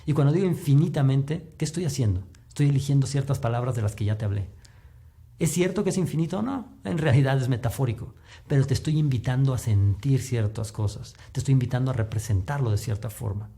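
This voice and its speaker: Guy teaching a class, relaxed dark voice, explains stuff and plays with his pitch to show it. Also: fast talker, gravelly. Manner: explanatory, demonstrates pitch shifts while teaching. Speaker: communication instructor. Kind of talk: recorded lecture.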